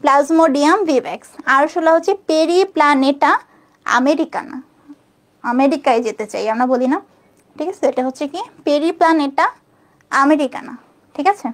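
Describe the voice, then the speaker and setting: Young woman teacher, high voice, spelling names out slow and repeating them, keeps asking "okay?". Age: young adult. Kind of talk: online exam-prep lesson.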